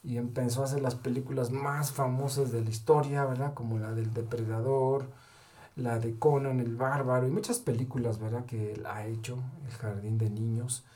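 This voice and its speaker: A man's voice: medium pitch, flat delivery, moderate pace, mellow. A man giving a motivational talk, telling stories with short quoted lines and tagging many sentences with a question. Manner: keeps adding the tag question "¿verdad?"; storytelling with short quoted dialogue. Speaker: motivational speaker.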